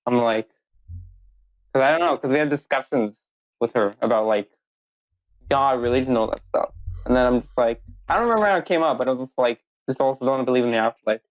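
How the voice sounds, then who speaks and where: A young man, co-hosting a casual podcast chat in an animated, halting way with many restarts. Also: medium pitch, dry recording, highs cut off. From United States. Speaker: podcast co-host.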